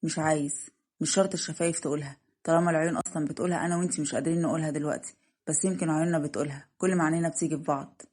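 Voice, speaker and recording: A woman with an Egyptian accent voicing a devoted young man in love, speaking softly and earnestly. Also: low voice, fairly even intonation, racing, husky, voice pushed down. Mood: tender. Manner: soft, earnest, reassuring.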